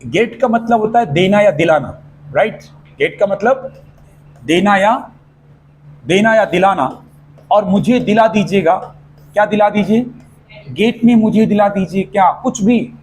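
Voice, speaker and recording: A high-voiced Indian man giving a spoken English lesson in a coaching classroom. He switches between Hindi and Indian-accented English and keeps checking in with his students. A faint hum of room noise sits behind him. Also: measured pace, pauses often, low-quality recording. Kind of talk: classroom lesson explaining grammar.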